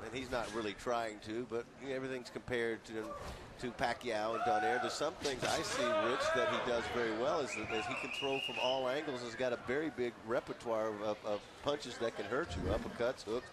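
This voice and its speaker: A man's voice: medium pitch, very animated, brisk. A man giving conversational live boxing commentary from ringside. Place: ringside in a large arena. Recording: very loud arena crowd noise.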